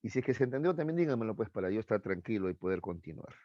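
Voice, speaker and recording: Man, lecturing teacher, low voice, muffled dry sound. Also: very animated, very fast, dry recording. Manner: explains with examples, keeps checking with a tag question. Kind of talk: live online class lecture.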